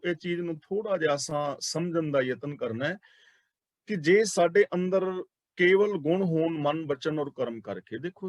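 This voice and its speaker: A man teaching a religious class, explaining sacred terms slowly and speaking directly to his listeners, often repeating key words. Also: a little high, no room sound. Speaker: Sikh scripture teacher.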